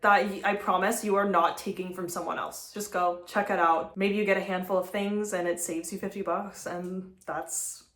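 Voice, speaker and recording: A woman host talks in a casual, conversational vlog style. Her medium-pitched voice carries the noticeable echo of the room around her. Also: fairly even intonation, a little fast, few pauses, a bit bright. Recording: echoey room sound.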